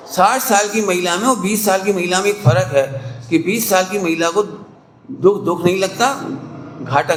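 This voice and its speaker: A man giving a conversational sermon to a gathering, acting out scolding parents and quoted people in a sharp rising voice. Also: high-pitched. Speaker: Jain preacher. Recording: echoey hall, faint hum.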